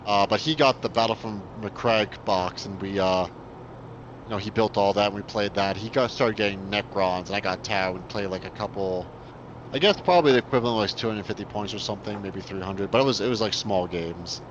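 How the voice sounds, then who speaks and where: A man rambles casually through his stories, circling back and restarting as he goes, his voice a little low. The sound is dull and lo-fi, with faint noise underneath. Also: brisk. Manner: rambling, many fillers and restarts. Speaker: co-host. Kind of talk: casual chat.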